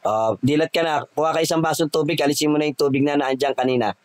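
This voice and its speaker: Male faith healer running an online healing session; commanding, repeats short questions, slightly high voice, dry close sound. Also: steady tone, fast talker, clear, resonant tone, dry recording, poor audio.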